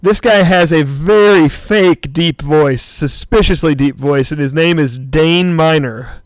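A man's voice: fairly high pitch, a little slow, no echo, low-quality recording. An American man hosting a quiz in a casual, bantering style. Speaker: quiz host.

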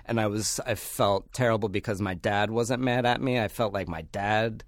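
A man's voice: fairly low pitch, moderate pace, no echo, clean studio sound. A man talking as a podcast guest, telling casual stories in a rambling, blunt way, full of fillers and swearing. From Pennsylvania, United States. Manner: rambling, heavy use of fillers, blunt and profane. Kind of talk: casual storytelling.

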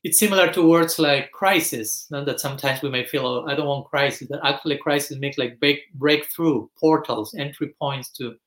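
A man's voice: a little high, normal speed, hardly any pauses, a bit bright. Thoughtful Argentine man in his forties. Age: 40s. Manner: thoughtful, explanatory, searching for words. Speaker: guest monk. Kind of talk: reflective podcast interview. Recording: echoey room.

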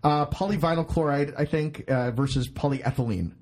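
A podcast host in his thirties speaks at a moderate pace in a slightly high, somewhat mellow voice. He rambles through a casual chat, swearing and laughing at himself.

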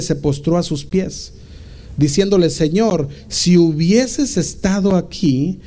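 A man's voice: on the high side, warm tone. A man preaching a sermon, reading scripture with rising emphasis and talking casually with restarts between verses.

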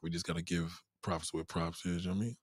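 A man's voice: low-pitched, fast, slightly rough, no echo, clean studio sound. A man rants bluntly and profanely to his live-stream viewers, reading out their comments. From New York. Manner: blunt, profane, animated street talk. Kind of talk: casual live-stream rant.

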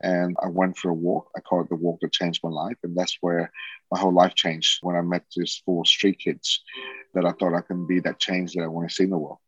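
Husky and low, his voice barely moves in pitch and runs slightly quick, captured dry with a dull lo-fi sound. He's a social entrepreneur from Australia in his 40s, rambling casually through an interview with many restarts.

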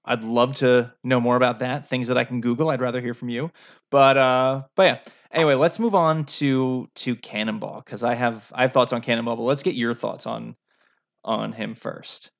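Gravelly man rambling casually. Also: mid-range voice, fairly even intonation, moderate pace. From United States. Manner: rambling, with frequent fillers and restarts. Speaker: podcast co-host. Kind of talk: casual chat. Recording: dull lo-fi sound.

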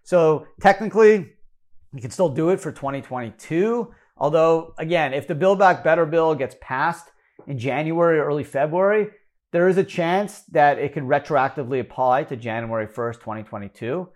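A man with a Canadian accent explaining retirement contribution limits, brisk and number-heavy, correcting himself as he goes. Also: a little high. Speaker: financial educator. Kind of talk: explanatory talk.

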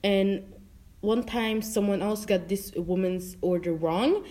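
A woman's voice: medium pitch, slow, warm tone. Young woman from sweden, blunt, swears a lot, casual work story. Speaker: fast food worker. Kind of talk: casual chat.

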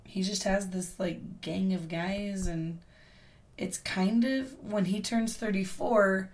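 Hoarse woman podcast co-host, slow rambling chatter, echoey room. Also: mid-range voice, a little mellow. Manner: rambling, many fillers, laughs often. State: hoarse, losing her voice. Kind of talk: casual chat.

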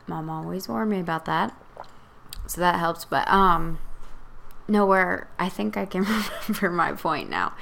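A woman's voice: lowish voice, vocal fry, a bit bright, slight background noise. A woman hosting a casual podcast chat, talking in a hesitant, rambling way with many fillers. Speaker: podcast host.

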